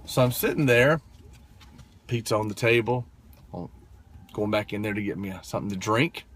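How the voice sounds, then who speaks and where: A man's voice: lowish voice, normal speed, a bit bright. A man in his thirties talking casually to camera, telling a story with many fillers and "right?" tag questions. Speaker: motivational vlogger.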